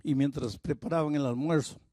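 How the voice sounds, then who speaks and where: A man preaching a sermon as a pastor, telling a story slowly and earnestly with repeated phrases. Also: a little high, steady tone, warm tone, dry recording, clean studio sound.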